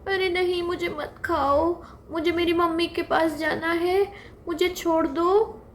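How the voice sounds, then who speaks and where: Woman voicing a squeaky, weepy baby deer for a kids' puppet story. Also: very animated, takes it slowly, a little hiss or hum, exaggerated voice. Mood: tearful pleading. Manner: crying, pleading. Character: small scared baby deer, tearful and pleading.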